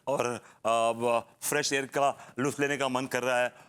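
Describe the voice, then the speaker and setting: A man's voice: medium pitch, flat delivery, a little slow, close to an everyday voice. An actor playing a boastful but cowardly husband in a sitcom, swinging between bragging and dramatic, whiny pleading, mixing English phrases into his speech. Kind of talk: sitcom acting. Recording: TV sitcom with noticeable noise.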